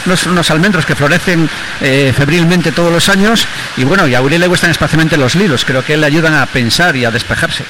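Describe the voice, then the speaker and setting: Male journalist from Galicia, quick and lively delivery. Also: fairly high pitch, noisy background. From Galicia, Spain. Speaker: journalist guest. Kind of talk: casual round-table chat.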